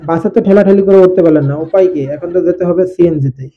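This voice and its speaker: High-pitched Bangladeshi man doing stand-up. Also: fast, narrow, tinny audio. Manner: acts out short bits of dialogue. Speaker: stand-up comedian. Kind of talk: observational stand-up comedy monologue.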